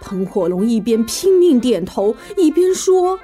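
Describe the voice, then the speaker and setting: A woman narrating a children's bedtime story with an animated, playful, expressive delivery. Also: a little high, measured pace, breathy edge, soft background music.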